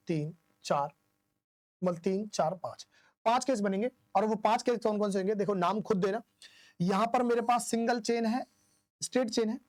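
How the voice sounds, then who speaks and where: A high-pitched man with a darkish tone teaches isomer naming in a classroom-style chemistry lecture, posing questions, answering them himself, and counting aloud. There's no room sound.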